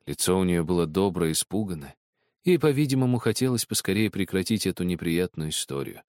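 Man reading a story audiobook, lowish voice, dry close sound. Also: sing-song, brisk, a little mellow, dry recording. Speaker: narrator. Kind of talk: audiobook reading of literary prose.

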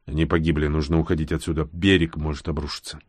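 A man doing a gruff ex-marine barking orders. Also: sits low, moderate pace, darkish tone, dry recording. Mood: calm. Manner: barked orders, curt.

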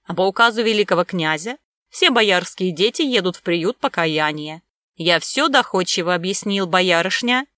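A woman's voice: on the low side, animated, normal speed, a bit bright, dry recording. A woman playing a stern, cold male government clerk who lectures and gives orders in an audiobook. The recording is dry.

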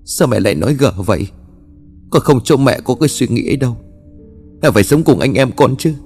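A man's voice: medium pitch, lively intonation, brisk, darkish tone, big-room sound, faint music behind, voice pushed up, natural voice. A man voicing a young grieving son who pleads anxiously with his mother. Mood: pleading.

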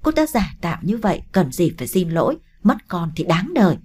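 A woman voicing a brash, sharp-tongued young woman in an audiobook story. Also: lowish voice, very animated, breathy edge. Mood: taunting. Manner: cheeky, quick to pick a fight. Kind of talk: audiobook character reading.

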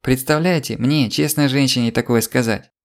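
Lightly acting at a medium pitch, a man voices a sly market trader woman with a Ukrainian accent who is always scheming. Her lines come as a fast, tearful patter of wheedling complaints.

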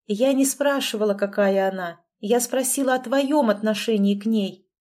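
A woman voicing an excitable fifty-year-old woman therapist who exclaims and scolds in a shrill voice. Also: normal speed, close to an everyday voice. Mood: sharp.

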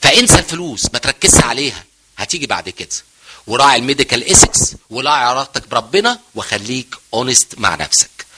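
A man's voice: medium pitch, very animated, quick pace, bright, forceful tone, slight background noise. Egyptian professor, middle-aged man, jokey lecturer, wide swinging intonation. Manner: joking, mixes English terms, asks and answers himself. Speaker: physiology professor giving a talk. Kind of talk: lively lecture to medical students.

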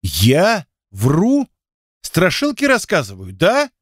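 A man's voice: a little high, wildly swooping pitch, no room sound, clean studio sound, voice pushed up, exaggerated voice. A man reading the part of a boastful young male dancer who spins tall tales and takes offence easily. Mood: indignant. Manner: boastful, quick to take offence.

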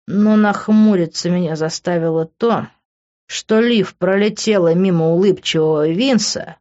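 A woman reading a first-person audiobook in a steady, expressive way. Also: fairly low pitch, unhurried, dull audio. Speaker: audiobook reader.

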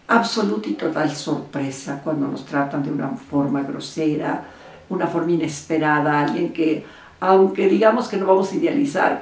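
A woman's voice: lowish voice, a little hiss or hum. Woman therapist in a roomy echo. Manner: animated, acts out quoted voices. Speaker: therapist giving relationship advice. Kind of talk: advice talk to camera. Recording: roomy echo, speaker far from mic.

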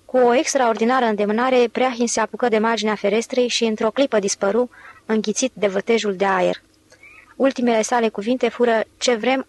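A woman reading a novel aloud in steady, measured literary narration. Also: fairly high pitch. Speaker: audiobook narrator.

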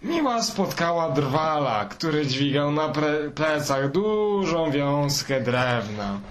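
Slow, rambling grandfather storyteller on an old worn tape, man, slightly high voice, faint hiss and clicks, distant. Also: sing-song. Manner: slow, rambling, forgetful, hesitant. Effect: old worn tape recording of poor quality. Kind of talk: comic fairy-tale narration.

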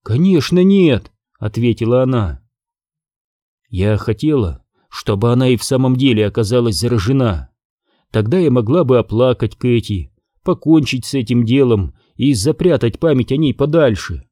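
A man reading an audiobook horror story aloud in scripted, expressive first-person narration. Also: mid-range voice, normal speed, no echo, clean studio sound. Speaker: audiobook reader.

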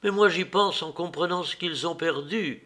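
A man reading a classic novel aloud, voicing a wounded, furious wife in sharp, bitter outbursts. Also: a little high, normal speed, pitched above the performer's own voice. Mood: bitter, angry.

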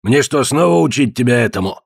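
Man doing a hoarse, hateful brute of a cave man. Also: mid-range voice, normal speed, no room sound, clean studio sound, voice pushed up, lightly acted. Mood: domineering. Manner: barking, bullying. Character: huge hairy brutish cave man, hateful, domineering. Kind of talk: audiobook character voice.

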